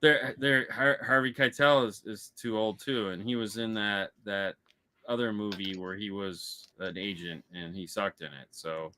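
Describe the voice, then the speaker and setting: A man's voice: on the low side, fairly even intonation, unhurried, sharp tone, smooth. A man from Michigan co-hosting a casual movie chat, rambling and joking with lots of repeated words. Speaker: podcast co-host.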